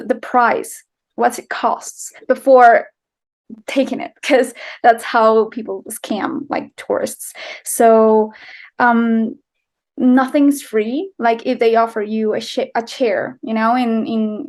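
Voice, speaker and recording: A young Colombian woman, a writer and filmmaker whose first language is Spanish, answers interview questions as a guest in a Colombian accent. She speaks slowly and steadily in a slightly high, darkish voice, chatting casually with lots of fillers and restarts.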